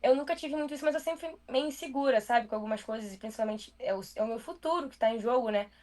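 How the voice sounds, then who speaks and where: Fast-talking young Brazilian woman. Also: a little high, darkish tone. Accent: Brazilian Portuguese. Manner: fast, casual talker with many fillers. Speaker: journalist guest. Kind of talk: casual interview chat.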